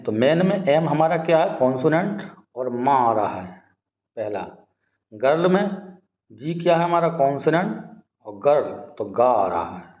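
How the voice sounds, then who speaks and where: A man gives a grammar lesson at a slow, deliberate pace, repeating key words. His voice sits a little high for a man. It comes through a dull, lo-fi recording in an echoey room. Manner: explains step by step, often asks questions back and repeats words. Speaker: English grammar teacher. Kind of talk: classroom-style grammar lesson.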